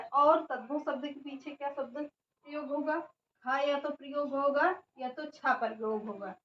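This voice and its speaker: A woman teaching a grammar lesson who keeps asking questions and answering them herself. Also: high voice. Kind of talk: classroom lesson. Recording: echoey room, dull sound, faint background noise.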